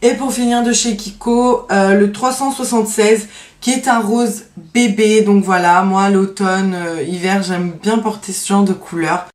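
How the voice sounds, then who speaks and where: A woman beauty vlogger, unhurried and steady with a medium-pitched, slightly mellow voice, shows her favorite nail polishes in a casual show-and-tell. The room sounds spacious. She hesitates a great deal, with many fillers and a trailing "donc voilà," but clearly adores her favorites.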